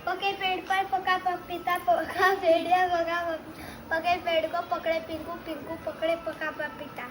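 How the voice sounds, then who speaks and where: A woman outdoors reciting tongue twisters in a careful, halting way. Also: extremely high pitch, flat delivery.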